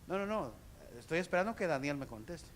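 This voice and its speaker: A man, a pastor, preaching a sermon and speaking straight to the congregation, with sudden shouted peaks. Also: a little high, expressive, brisk, slight background noise. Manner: addresses the congregation directly.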